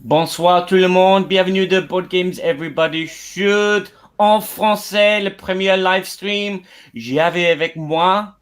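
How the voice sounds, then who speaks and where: A native English-speaking man hosting a casual live stream in halting French, with an English accent and grammatical slips. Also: on the high side, a bit bright, clear, resonant tone.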